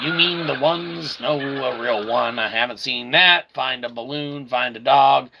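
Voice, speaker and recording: A man with a mid-range voice, unhurried and creaky, pushed and bright with a slight roughness, riffs goofily through casual video game commentary full of wordy catchphrases and mock-formal asides. He's a video game streamer and reviewer, and the recording is very noisy with game sound behind him.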